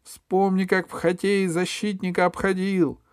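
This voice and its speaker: Male narrator doing bold young girl, high urgent calls, dry read. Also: sing-song, moderate pace, mellow, dry recording. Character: spirited young girl shouting encouragement.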